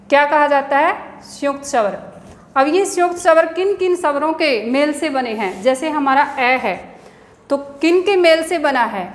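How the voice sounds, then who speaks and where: A woman school teacher giving a grammar lesson, explaining step by step and asking and answering her own questions. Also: sits high. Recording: echoey room with long reverb.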